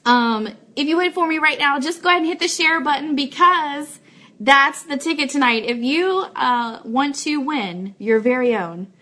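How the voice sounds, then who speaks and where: This high-pitched woman sounds bright and forceful, speaking at normal speed. She chats informally with viewers of her fan livestream from an office, handing out announcements and thanks.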